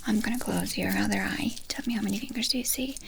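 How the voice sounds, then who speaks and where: A woman whispering a fast, brisk ASMR whispered role-play as a medical examiner, giving short instructions and questions. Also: medium pitch, vocal fry, a little hiss or hum.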